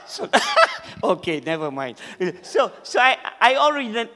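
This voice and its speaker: A Malaysian man with a Malaysian English accent preaches a sermon as a guest in a church hall. His very high voice moves slowly, and he's excitable and over the top, laughing often, with the echoey hall adding long reverb.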